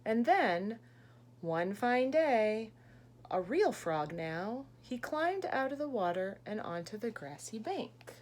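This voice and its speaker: A woman teacher reading a picture book aloud expressively, pausing to ask young listeners questions and explain things. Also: on the high side, big pitch swings, darkish tone.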